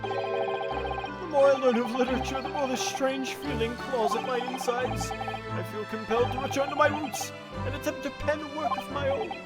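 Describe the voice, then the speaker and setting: A woman voicing a nervous, plaintive Japanese literary gentleman in a theatrical amateur read of a visual novel game. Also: high voice, steady tone, normal speed, close to an everyday voice. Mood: earnest, defensive. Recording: music behind the voice.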